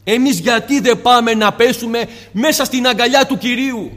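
A male preacher giving an impassioned sermon, firing off rhetorical questions and dropping suddenly to a soft tone. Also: very high-pitched, in a large hall.

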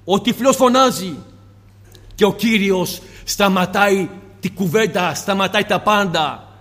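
High-voiced impassioned male preacher. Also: big-room sound. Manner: impassioned, rhetorical questions, sudden drops to soft tone. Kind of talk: sermon.

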